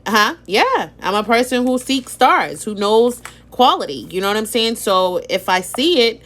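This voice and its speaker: A woman with a Boston accent, hosting a casual live-stream interview, chatty and animated, greeting viewers by name. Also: on the high side, moderate pace. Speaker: interview host.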